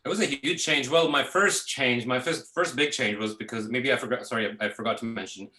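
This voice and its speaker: Male guest, 30s, from Pakistan: easygoing and rambling, bright tone, echoey call audio. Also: mid-range voice, brisk. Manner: relaxed, full of fillers like "uh" and "you know". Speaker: guest, visual effects artist. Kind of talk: casual interview answers.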